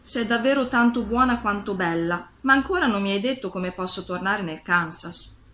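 A woman's voice: mid-range voice, expressive, moderate pace, fairly bright tone, a little hiss or hum, natural voice. A woman voicing a shy, polite little girl in a storybook reading, in a raised, childlike tone. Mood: pleading.

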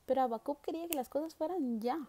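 High-voiced woman teaching a Bible lesson. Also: dark tone. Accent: Central American Spanish. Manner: explains slowly, stresses key words, asks rhetorical questions.

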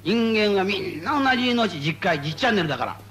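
A high, bright male voice delivering spiritual guidance to a live audience in a meeting. He talks in an animated, playful way, swinging his pitch widely and repeating phrases for emphasis, with faint music behind him. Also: a little fast. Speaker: Buddhist lay leader giving guidance. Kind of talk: spoken guidance talk to a gathering.

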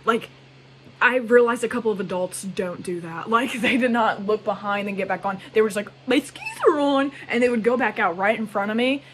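A young woman chatting straight to camera in a casual vlog, her voice sitting at an ordinary middle pitch. She tells her story with animated, exclamatory asides. A faint hiss of noise runs under the recording. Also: brisk. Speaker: vlogger.

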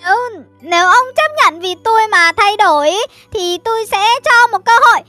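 A shy, sweet schoolgirl who hesitates before every answer, put on by a performer. The voice is very high and piercingly bright, with music playing behind. It plays like a Minecraft role-play scene. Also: moderate pace. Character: shy schoolgirl being courted.

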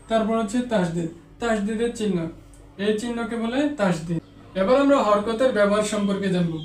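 Man, high voice, patient teacher, repeats rules, letter drills, echoey room, off-mic. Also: a little mellow, distant mic. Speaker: Quran reading teacher. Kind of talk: step-by-step recorded lesson.

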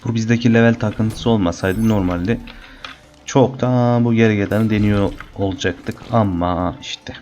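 A young man casually narrating his own gameplay, chatty and teasing the creatures on screen, getting excited during fights. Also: lowish voice, unhurried, soft background music. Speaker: gaming channel host. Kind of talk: casual let's-play commentary.

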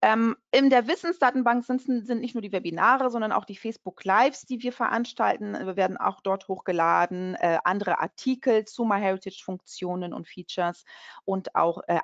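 A woman's voice: mid-range voice, fairly quick, vocal fry, no echo, lo-fi sound. A woman from Portugal hosting an online webinar in a friendly, chatty way, with many fillers and restarts. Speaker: webinar host. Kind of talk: casual webinar presentation.

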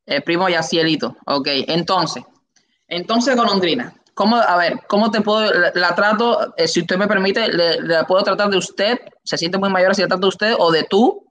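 A young man with a Cuban accent hosting a live online interview, announcing with enthusiastic, drawn-out emphasis from a room on his webcam. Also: high voice, a bit bright. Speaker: host. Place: indoor room. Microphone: webcam, video call.

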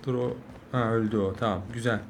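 A young man, a mobile game streamer, giving live gameplay commentary, swearing constantly and swinging from angry yelling to low muttering. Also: steady tone, fairly quick. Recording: noisy game audio behind.

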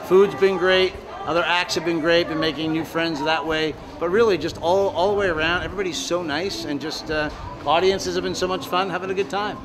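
A man's voice: fairly high pitch, steady tone, a little fast. An American man in his sixties, chatting in an upbeat, casual interview as a ventriloquist. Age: 60s. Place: large open-sided fairground shed.

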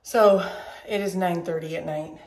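A tired woman vlogs casually to camera, showing rooms of her house under renovation as she chats. Her voice is fairly low and darkish, a little slow, with fairly even intonation.

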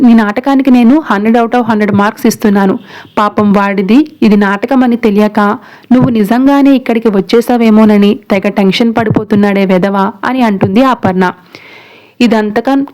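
A woman narrating a recap of a TV serial, telling the story and acting out each character's dialogue in a lively way. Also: medium pitch. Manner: lively, shifts between narration and acted dialogue.

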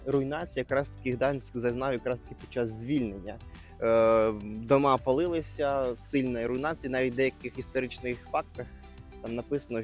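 A man's voice: mid-range voice, a little mellow. A man narrating a casual travel vlog in a chatty, conversational way with fillers. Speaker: travel vlogger.

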